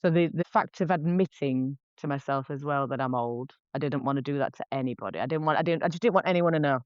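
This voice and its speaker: In dull, dry lo-fi podcast audio, a woman in her 40s who works as a face painter chats candidly and frankly as a guest, restarting frequently. Her low-sitting voice is smooth and fast, with no room sound.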